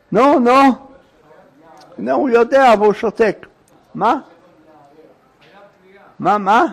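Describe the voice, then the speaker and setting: A man's voice: high voice, vocal fry. A man teaching a religious lesson, telling a story in short clipped phrases and prodding his listeners with questions.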